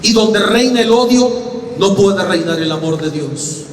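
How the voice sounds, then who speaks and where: A man's voice: sits high, lively intonation, unhurried. A man giving a sermon, telling a story with acted-out dialogue and asking the audience questions. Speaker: lay preacher. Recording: roomy hall, from a distance, faint noise.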